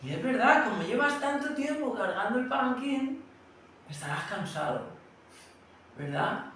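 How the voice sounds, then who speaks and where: A man's voice: extremely high pitch, very animated, a little slow, bright, forceful tone, a little hiss or hum, pitched above the performer's own voice, exaggerated voice. A man voices a proud ancient king who speaks with sarcasm and threats, within a devotional story. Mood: sarcastic. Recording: very echoey room, distant mic.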